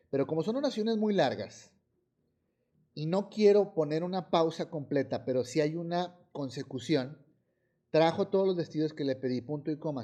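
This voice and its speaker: A man teaching a high school grammar class in Mexican Spanish, explaining with examples and often checking in with "¿sí?". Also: warm tone.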